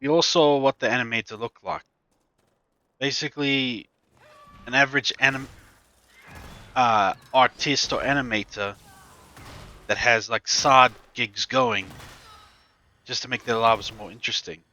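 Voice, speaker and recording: A man chatting casually on a game stream, rambling with many pauses, while eating a snack. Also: medium pitch, pushed and bright. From not from the US. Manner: rambling, halting, many fillers and restarts.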